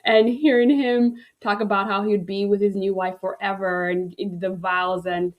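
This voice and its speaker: A woman from Kenya, a relationship coach, telling a personal story in conversation with many pauses and ums. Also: mid-range voice, fairly even intonation, highs cut off. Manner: thoughtful, with frequent ums and restarts.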